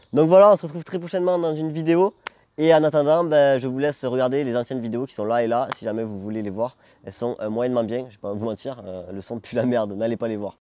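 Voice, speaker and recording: A man's voice: mid-range voice, warm tone, highs cut off, a little hiss or hum. A young man telling a personal story to camera in a casual, jokey, theatrical and slangy way. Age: young adult. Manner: jokey, theatrical, swearing freely.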